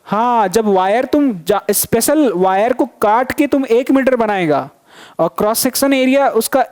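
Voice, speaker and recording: His pitch is extremely high and a little mellow, and he talks in an animated but unhurried way. The man is giving a physics lesson, going over each point twice and checking on students through coaxing rhetorical questions.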